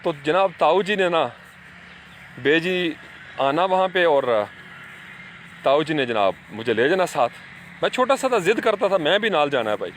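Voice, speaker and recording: A man's voice: on the high side, sing-song, long pauses, a bit bright, a little hiss or hum. A middle-aged man telling childhood stories in an earnest, reflective talk, slipping in English words and speaking straight to his listeners.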